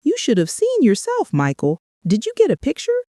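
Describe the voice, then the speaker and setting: A woman's voice: high voice, wildly swooping pitch, normal speed, dark tone, no echo, clean studio sound, voice pushed up. A woman voicing a cruel grown daughter who mocks her mother in a falsely sweet, scornful way. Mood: mocking.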